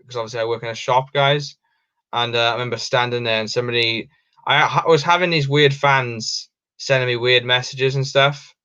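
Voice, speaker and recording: This casual livestream host is a young man from Wales whose medium-pitched voice has a sharp edge. He reads viewer questions and rambles through his answers, often saying um and starting over. The recording sounds dull and lo-fi.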